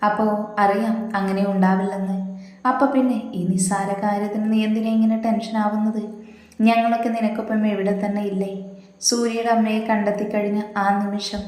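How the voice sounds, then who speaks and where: Siddhu, a calm, protective big brother, as a woman reads him. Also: mid-range voice, moderate pace, natural voice. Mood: soothing. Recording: very echoey room.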